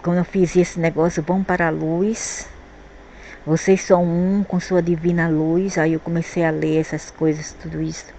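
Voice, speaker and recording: A slight background noise sits behind the Brazilian spiritual vlogger, who speaks at a moderate pace in a fairly low, warm but flat voice. She meanders through a personal account of spirits and the afterlife, repeating words as she searches for them.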